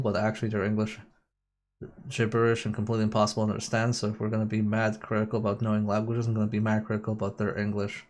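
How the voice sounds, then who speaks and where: The streamer's fairly low, darkish voice carries a little hiss or hum. Playing a racing game with its music in the background, he chats casually, swears, airs his opinions at length, and imitates others to mock them.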